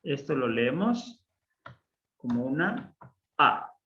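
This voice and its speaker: Man teacher with a slightly high, bright voice, patient and unhurried, on a muffled online class recording. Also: expressive, a little hiss or hum. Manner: slow, patient explaining with frequent fillers. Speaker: Biblical Hebrew teacher.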